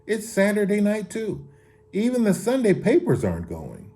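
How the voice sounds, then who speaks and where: A man's voice: high-pitched, huge pitch swings, moderate pace, dark tone, pitched above the performer's own voice, full character voice. A man voicing an earnest young newsstand boy.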